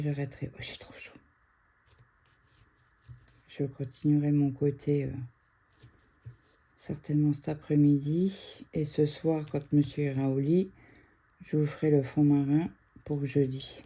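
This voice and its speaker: Chatty woman with a dark, husky voice. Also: sits low, muffled recording. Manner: chatty, excitable, quick to shout. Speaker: craft vlogger. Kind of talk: casual chat to viewers. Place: indoors at home.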